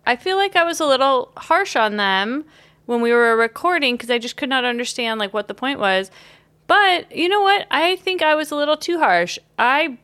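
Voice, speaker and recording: A woman with a bright, slightly high voice, chatting on a casual podcast. She talks in an animated way, jumping up in pitch when she is surprised, and lets the odd swear slip. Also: normal speed. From Chicago area. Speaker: podcast co-host. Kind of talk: casual chat.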